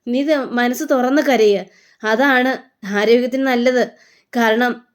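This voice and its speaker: A woman voicing a stern, protective older mother figure who speaks in a slow, deliberate way. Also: a little high, lightly acted. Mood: comforting. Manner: scolding, threatening, slow and deliberate.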